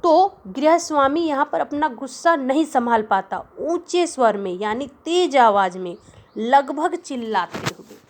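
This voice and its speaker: A woman teacher giving a literature lesson, explaining words slowly and repeating phrases, asking the class questions. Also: high-pitched, lively intonation, slight background noise.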